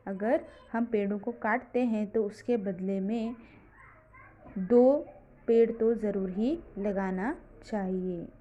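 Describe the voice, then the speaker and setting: A woman's voice: medium pitch, slow, warm tone, lo-fi sound. A woman teacher with an Indian accent who reads a children's story aloud and then explains each line in simple words. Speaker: school teacher.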